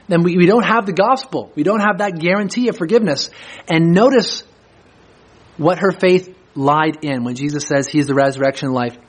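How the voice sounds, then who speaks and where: A man preaching a sermon, reading scripture aloud slowly and then explaining it in plain, conversational talk. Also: high voice, slightly rough. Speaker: pastor.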